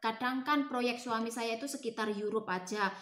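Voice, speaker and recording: Chatty indonesian-born woman vlogging while cooking, kinda high voice, echoey kitchen. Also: normal speed, a bit bright. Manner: chatty, often tags phrases with "ya, teman-teman". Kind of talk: casual vlog chat while cooking. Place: home kitchen.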